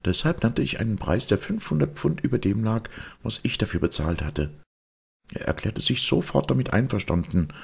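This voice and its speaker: A fretful elderly lady, voiced by a male reader, scolding and indignant. Her voice rises and bobs with agitation over a gravelly, husky texture, in a storybook reading. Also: on the low side, pitched above the performer's own voice, full character voice.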